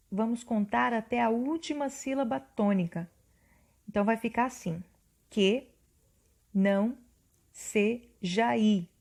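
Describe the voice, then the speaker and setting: A woman teacher explaining literary genres and reciting a sonnet in a slow, measured cadence, counting syllables aloud one by one. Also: medium pitch, creaky, a little mellow. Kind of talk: recorded literature lesson.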